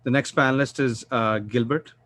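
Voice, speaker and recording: A man moderating a professional panel by video call, speaking in a measured, formal way with occasional filler pauses. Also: mid-range voice, fairly even intonation, fairly bright tone.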